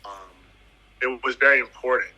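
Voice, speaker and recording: In a casual interview, a man in his thirties from the US Virgin Islands, a footballer, walks through his career, stressing points and repeating phrases often. His voice is mid-range and sharp, at a moderate pace, over a low-quality recording.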